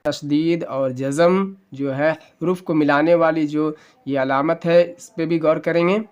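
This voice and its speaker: Man slowly spelling out Quran syllables. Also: a little high, steady tone, darkish tone, smooth, dull audio. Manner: spells syllables slowly, then draws out the joined word; patient, explains the rules between spellings. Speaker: Quran reading teacher. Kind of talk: Quran spelling lesson, letter by letter.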